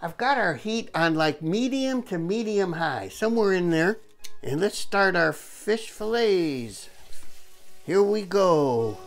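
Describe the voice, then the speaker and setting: A man's voice: high-pitched, expressive, slow pace, faint music behind. Older man chatting as he cooks. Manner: chatty, enthusiastic, chuckling. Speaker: cooking video host. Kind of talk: casual cooking demonstration. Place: home kitchen indoors.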